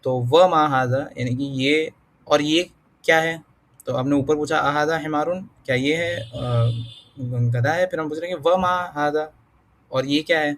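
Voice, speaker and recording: A man reading through a beginner Arabic lesson and explaining each word, thinking aloud with pauses and fillers, slowing to sound out words and mixing in English terms. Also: fairly high pitch, fairly even intonation, a bit bright. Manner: mixes English words into his talk. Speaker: self-taught Arabic learner teaching.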